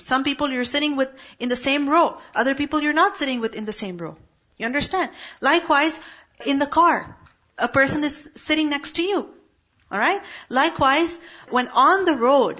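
A woman's voice: sits high, fairly bright tone, muffled recording. A woman teaching a Quran lesson to a class, asking questions and answering them herself.

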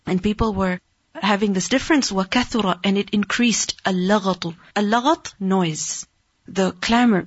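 Woman teaching hadith, husky and dry. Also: mid-range voice, no echo. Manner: reads Arabic quickly, then translates phrase by phrase. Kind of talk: religious lesson explaining hadith. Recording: dull, slightly lo-fi dry recording.

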